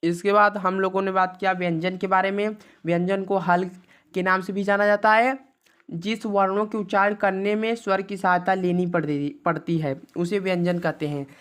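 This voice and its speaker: A woman teacher recapping a grammar lesson, reciting letter lists slowly and repeating each rule. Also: medium pitch, steady tone.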